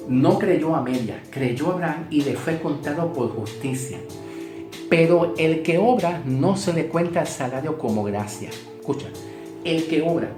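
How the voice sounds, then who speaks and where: A man teaching a Bible sermon, emphatic, repeating key words and asking rhetorical questions. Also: fairly high pitch. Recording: echoey room with guitar music. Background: guitar music.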